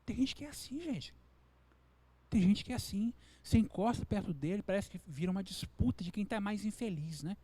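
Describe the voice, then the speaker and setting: Brazilian pastor guy preaching, earnest, slips into higher voices for people he quotes, kinda high but warm tone. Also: animated, brisk, husky, dry recording. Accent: Brazilian Portuguese. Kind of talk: sermon.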